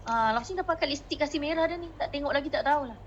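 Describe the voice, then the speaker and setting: Speaking rapid-fire in a high voice, a woman with a Malaysian Malay accent leads a Mandarin lesson. She mixes languages as she coaxes her students and demonstrates the tones; the audio is dull, with slight hiss or hum.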